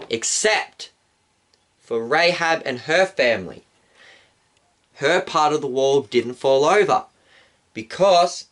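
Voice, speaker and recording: A male pastor calmly telling a Bible story for children and explaining it step by step. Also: a little high. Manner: calm, explanatory, acts out shouts.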